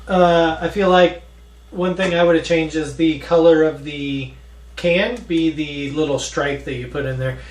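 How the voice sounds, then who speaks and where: A man's voice: fairly high pitch, steady tone, a little slow. A man co-hosting a drink review in casual, joking banter with a dry delivery. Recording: roomy, distant mic, faint noise.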